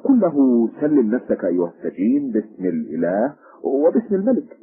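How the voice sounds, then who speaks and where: A man's voice: mid-range voice, wildly swooping pitch, brisk, breathy edge, voice pushed up. A man voicing a prim, law-minded male villager who lectures urgently, with a tinny phone-like sound.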